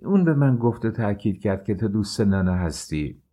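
A man with a low voice reading the lines of a good-natured forty-year-old actress in an audiobook. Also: big pitch swings, mellow, slightly rough. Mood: chatty.

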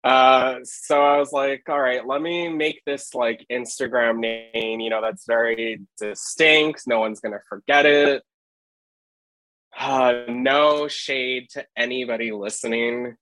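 A young man from Hawaii, a photographer guest, speaking in a relaxed, rambling way full of fillers. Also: mid-range voice, takes it slowly, dry recording, low-quality recording. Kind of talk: casual podcast interview.

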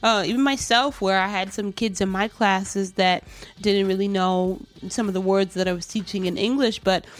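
A woman hosting a casual interview chat who talks in a relaxed, encouraging way and laughs easily. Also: mid-range voice, moderate pace. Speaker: host, teacher.

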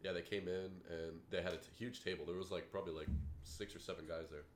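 A man's voice: low-pitched, fairly even intonation, quick pace, a little hiss or hum. A young man hosting a casual podcast chat, laid-back and slangy, laughing often. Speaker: podcast host.

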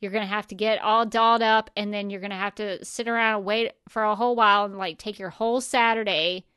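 In a clean studio recording with no echo, a podcast co-host talks fast in a medium-pitched, smooth, slightly bright voice with fairly even intonation. She keeps the casual chat lively and emphatic, often acting out imagined remarks.

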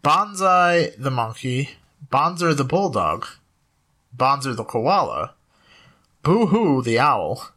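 Lively bright-voiced man reading a list. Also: medium pitch, slow, pauses often. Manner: rattles off names in a list, laughing, mock voices. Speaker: podcast co-host. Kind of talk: casual chat, reading a long list.

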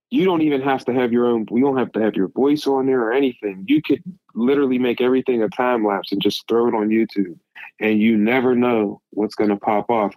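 A man with a mid-pitched voice chats casually on a podcast. He rambles emphatically as he hands out advice, and the sound is close and dry. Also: darkish tone, no room sound, poor audio. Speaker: podcast guest.

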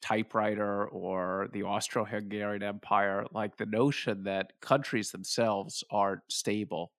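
Low gravelly podcast host man. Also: no echo, studio quality. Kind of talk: podcast interview.

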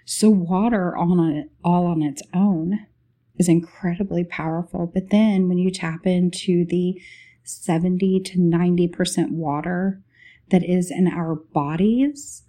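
As host, a woman guides a spiritual meditation in short, unhurried phrases separated by long pauses. Her voice sits on the low side and sounds mellow.

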